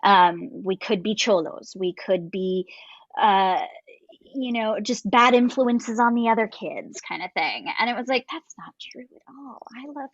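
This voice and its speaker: A woman's voice: medium pitch, lively intonation, measured pace, dry recording, dull audio. A young woman from Los Angeles sharing her background on a discussion panel, chatty and self-deprecating, laughing often. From Los Angeles, California. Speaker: panelist, actor.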